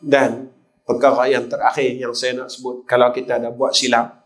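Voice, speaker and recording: A man's voice: mid-range voice, flat delivery, moderate pace. An older man with a Kedah Malay accent, preaching a sermon and telling stories to the congregation, often turning to address the listeners directly. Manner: storytelling, repeatedly addressing the audience as sirs.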